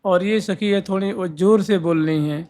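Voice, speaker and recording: A man's voice: sits high, moderate pace, mellow. A man giving a devotional discourse, explaining verses line by line and singing some lines drawn out. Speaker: devotional storyteller.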